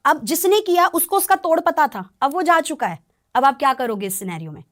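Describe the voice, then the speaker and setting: A woman tarot reader talks through her experiences on a podcast. Her slightly high voice stays earnest and explanatory, often turning to firm warnings. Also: animated, a little fast, a bit bright. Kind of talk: podcast conversation.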